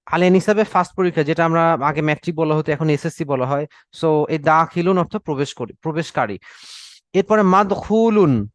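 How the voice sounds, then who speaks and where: Man, young adult, online class teacher, high voice, dry close sound, patient verb drilling. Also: dry recording. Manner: drills Arabic verb forms with Bengali meanings, frequent "okay?"; mixes English words into Bengali. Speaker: Quran and Arabic teacher.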